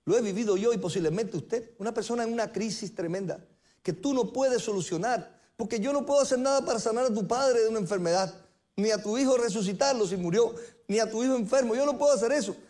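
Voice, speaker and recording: A middle-aged male pastor preaching a sermon in a church, earnest, repeating phrases and slowing down to stress his points. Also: high voice, dark tone. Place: church sanctuary.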